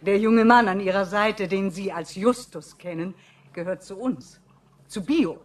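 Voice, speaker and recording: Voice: medium pitch, a little slow, slight background noise, close to an everyday voice. A performer voicing a polite, coolly threatening corporate villain in a radio play. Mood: coolly ironic. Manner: formal, cool, ironic.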